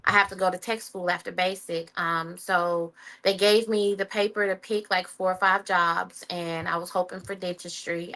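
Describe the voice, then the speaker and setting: Bright-voiced woman telling stories animatedly. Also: lowish voice. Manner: animated, acts out quotes with shifting voice. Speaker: interview guest, Air Force veteran. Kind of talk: casual storytelling.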